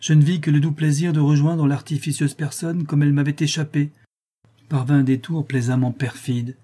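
A man reading a dying young count, husky and weak. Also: fairly high pitch, flat delivery, warm tone. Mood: weak, reproachful. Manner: faint, halting then firm.

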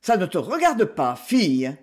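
A man reading aloud voices a haughty, gruff older father, speaking lower and curtly. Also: huge pitch swings, unhurried, heavily acted. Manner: curt, louder, lower voice.

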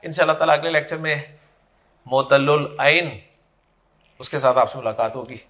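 A man's voice: fairly high pitch, fairly bright tone. A man teaching Arabic grammar in a classroom lecture, explaining step by step and checking that his students follow.

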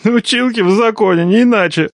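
A man's voice: high voice, a little fast, no echo, studio quality. A man voicing a cocky young former student who teases his teachers with sarcastic banter, in an audiobook. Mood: mocking. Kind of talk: audiobook character dialogue.

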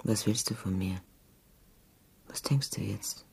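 An actress in a radio play voicing a weary older woman who is remorseful, speaking in a hushed, broken way and often whispering. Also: very deep voice, slow pace, vocal fry, breathy edge, exaggerated voice. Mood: cold. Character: weary older woman, remorseful, letting her young lover go.

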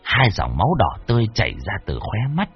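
A man with a husky voice narrating a horror story, expressive with wide swings in pitch. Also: fairly quick, soft background music. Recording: dull lo-fi dry recording.

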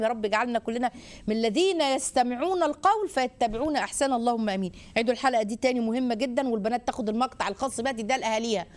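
An Egyptian woman hosting a live religious advice show. She exhorts and gently teases her callers in an animated way. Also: high-pitched. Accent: Egyptian Arabic. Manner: animated, exhorting, warmly teasing. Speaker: host answering viewer questions.

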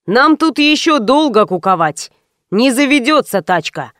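A woman voicing a calm, odd elderly father who gives ominous warnings, in an audiobook. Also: a little high, measured pace, no room sound, clean studio sound.

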